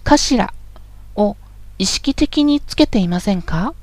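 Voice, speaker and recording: A woman giving a calm, polite, instructive voice training lesson as scripted narration. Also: mid-range voice, unhurried, no echo.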